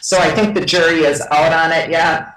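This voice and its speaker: A woman trustee candidate answering carefully at a forum, pausing often with ums. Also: deep voice, steady tone, a bit bright. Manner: careful, hesitant with many ums. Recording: echoey hall, mic from far off.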